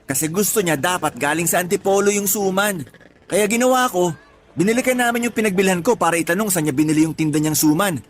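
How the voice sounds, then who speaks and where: A man with a high, fast voice, close to how he'd normally talk, plays an exasperated character in a colloquial radio drama. He recounts his complaints about his pregnant partner in a tone of pure exasperation.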